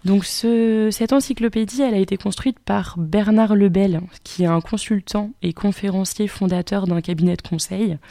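A woman recommending books on a radio show. She speaks quickly and keeps hesitating and correcting herself. Her voice is soft and mellow, and the recording is close and dry. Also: mid-range voice, fairly even intonation, dry recording. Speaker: radio book columnist.

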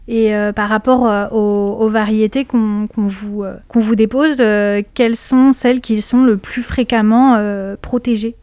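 A woman's voice: mid-range voice, fairly even intonation, unhurried, few pauses, a little mellow, smooth, no echo. A woman interviewer asking questions politely, with frequent hesitations.

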